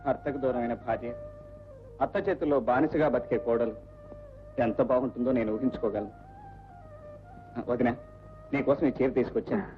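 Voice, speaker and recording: A man's voice: medium pitch, steady tone, brisk, long pauses, lightly acted. An actor playing an earnest young son who defies his mother in an old film. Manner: earnest, defiant. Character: earnest young son refusing arranged marriage. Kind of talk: 1980s Telugu film acting. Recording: lo-fi film soundtrack with music.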